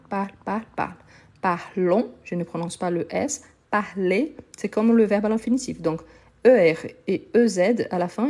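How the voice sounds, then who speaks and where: A woman's voice: mid-range voice, mellow, slightly rough. A woman teaching French on a live online lesson. She speaks patiently, repeats each word and often praises her learners.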